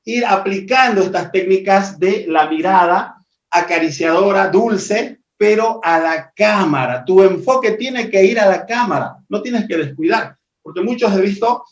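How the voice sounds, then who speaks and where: Male trainer, high voice, didactic webinar delivery, distant dull audio. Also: a little slow, echoey room. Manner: didactic, asks rhetorical questions. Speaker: presentation skills trainer. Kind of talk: live webinar lesson. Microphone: video call.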